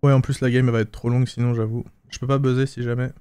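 A man streaming a game, talking quietly to himself in casual asides. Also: mid-range voice, flat delivery, rapid-fire, clear, resonant tone. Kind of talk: casual gaming stream chat.

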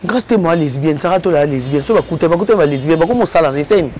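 Animated high-voiced man telling a story. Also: fast, a little hiss or hum. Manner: lively, switches between Lingala and French.

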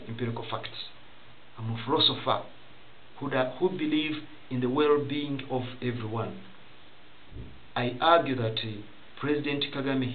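A young man from Rwanda talks straight to a webcam from a small office, delivering political commentary in a halting way, restarting and repeating phrases as he goes. The sound is thin and phone-like, with a faint hiss underneath. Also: medium pitch. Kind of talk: direct-to-camera commentary. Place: small office room indoors.

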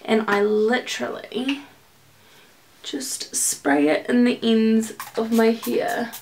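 A woman's voice: fairly high pitch, fairly even intonation, slow, darkish tone. Chatty young New woman vlogging. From New Zealand. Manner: chatty, sleepy, laughs often. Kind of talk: casual morning routine vlog. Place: home, bedroom and kitchen.

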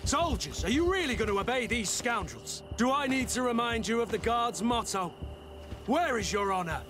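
An actor playing a seasoned, principled and indignant guard captain in a video game. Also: male voice, a little high, moderate pace, music in the background, lightly acted. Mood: indignant, rallying. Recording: faint background noise.

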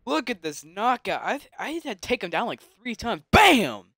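Excitable young man narrating gameplay. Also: sits high, normal speed, no echo, clean studio sound. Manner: excitable, yells sound effects and taunts. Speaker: gaming commentator. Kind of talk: casual let's-play commentary.

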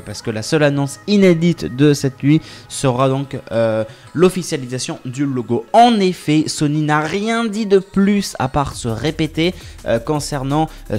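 A man's voice: medium pitch, a little mellow. A man in his twenties from southwest France, talking casually through tech news for his viewers with many hesitations and restarts. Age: 20s. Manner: chatty, hesitant, full of filler sounds and restarts; addresses viewers as friends. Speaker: tech YouTuber.

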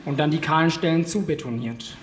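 A man voicing a sharp-tongued mother who mocks quickly. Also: a little high, in a large hall, a little hiss or hum, natural voice. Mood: mocking.

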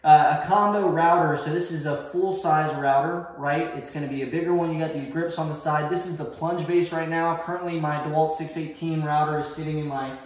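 Brief: young guy, slightly high voice, rambling woodshop tour talk, heavy garage echo. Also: fairly even intonation, a little fast, hardly any pauses. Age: young adult. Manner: rambling, filler-heavy, self-correcting. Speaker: woodworking vlogger. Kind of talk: casual shop tour talk. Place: large home garage workshop. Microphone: far camera. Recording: echoey garage.

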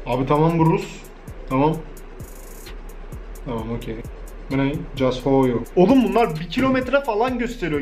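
A young man from Turkey with a high voice talks casually to his viewers, cracking jokes and swearing freely. Faint music plays quietly behind him. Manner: joking, swears freely, laughs often. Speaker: YouTuber. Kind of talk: casual vlog commentary.

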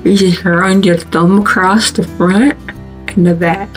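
A woman's voice: mid-range voice, steady tone, measured pace, soft background music. A woman vlogger giving a casual step-by-step demonstration at home while talking with her fingers in her mouth. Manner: plain, instructive, step-by-step.

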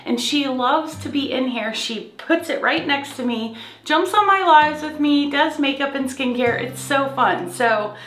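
Bubbly vlogger woman in her forties, fairly high voice, filming herself at arm's length indoors with faint music. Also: unhurried, fairly bright tone. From Florida. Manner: bubbly, chatty, enthusiastic. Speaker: vlogger host. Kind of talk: casual home tour vlog. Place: home office, indoors, small room. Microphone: handheld camera at arm's length.

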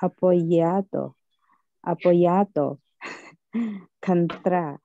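Slow, gravelly, dark-voiced woman student. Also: on the low side, slight background noise. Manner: hesitant, repeats words after corrections. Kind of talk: reading words aloud in class. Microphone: video call. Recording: dull, lo-fi online call audio.

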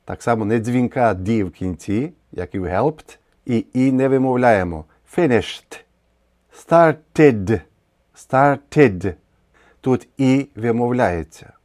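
Patient male English teacher, mellow voice. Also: mid-range voice, normal speed, dry recording, studio quality. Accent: Ukrainian. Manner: patient, explains step by step with repeated examples. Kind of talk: grammar lesson explanation.

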